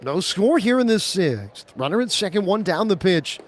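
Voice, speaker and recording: A man calling a baseball game as play-by-play announcer on the radio, rising to excited calls on big pitches. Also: normal speed, slight background noise.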